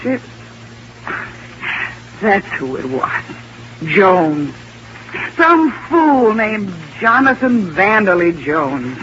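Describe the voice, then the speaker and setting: A woman's voice: mid-range voice, very animated, drawn-out words, long pauses, a bit bright, full character voice. A vain, aging society lady in a vintage radio drama. Her voice swoops up and down as she stammers and flutters theatrically. The sound is muffled and hissy, like an old broadcast. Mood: flustered. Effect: old-time radio broadcast. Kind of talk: 1950s radio drama acting.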